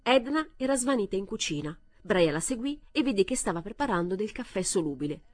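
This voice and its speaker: A woman reading a short story aloud as narrator, in a measured and expressive way. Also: medium pitch, dry recording. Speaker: reader.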